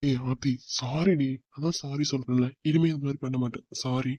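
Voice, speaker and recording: A man's voice: mid-range voice, fairly even intonation, normal speed, mellow, no room sound, muffled recording, natural voice. A man voicing a playful young man in a cartoon, coaxing and apologetic. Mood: pleading. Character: young man, teasing and pleading boyfriend. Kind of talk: cartoon voice acting.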